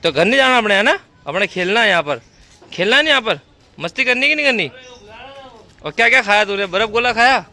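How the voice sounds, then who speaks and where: A man's voice: sits high, expressive, fairly quick, sharp tone. A man vlogging outdoors in a neighborhood lane, chatting playfully and teasing local kids. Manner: playful, teasing, talks to the camera as "guys". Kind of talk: casual vlog chat with neighborhood kids.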